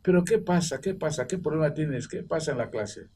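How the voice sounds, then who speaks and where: An older man from Equatorial Guinea, a former school director, telling animated anecdotes and acting out quoted voices on a television roundtable. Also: a little high, a little fast, breathy edge. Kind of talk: roundtable debate. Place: TV studio. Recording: distant mic with faint background noise.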